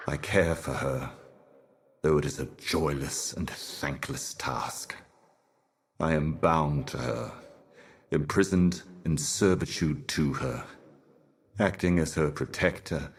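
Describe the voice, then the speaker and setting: An actor playing a solemn otherworldly herald of cosmic horrors in a video game, speaking in an ominous, grandiose and cryptic theatrical manner. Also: male voice, rumbling low, slow, long pauses, exaggerated voice. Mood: solemn, brooding. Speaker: game character, messenger and guardian.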